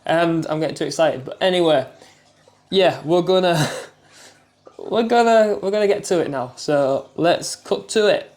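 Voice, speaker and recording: Friendly male hobby vlogger, slightly higher pitch, chatty, laughs at his own mishaps, talking into a phone mic by his tanks. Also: a little slow, darkish tone. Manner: chatty, self-deprecating, laughs at himself. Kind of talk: casual chatty tutorial vlog. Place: indoors at home by his fish tanks. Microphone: clip-on mic, then phone mic.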